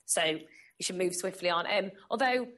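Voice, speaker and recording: A woman's voice: fairly low pitch, normal speed, a bit bright. A woman in a casual film chat, blunt and sweary in her opinions.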